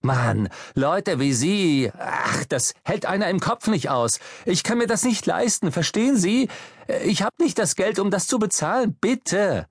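A man's voice: medium pitch, expressive, normal speed, slightly rough, dry recording, clean studio sound. A man reading an audiobook, voicing a desperate middle-aged man who pleads and then hurls insults in a raised voice. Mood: pleading.

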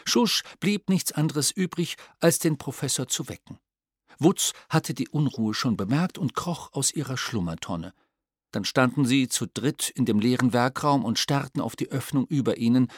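A man reading a children's storybook aloud in an expressive, playful manner. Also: mid-range voice, normal speed, dry recording, studio quality. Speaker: audiobook narrator. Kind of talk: storybook narration.

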